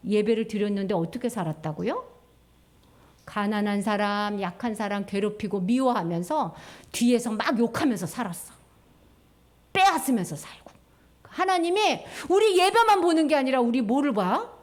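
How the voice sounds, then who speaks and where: Animated woman telling a children's sermon. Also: on the high side, moderate pace. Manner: animated questioning, storytelling to children. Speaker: children's pastor. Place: church.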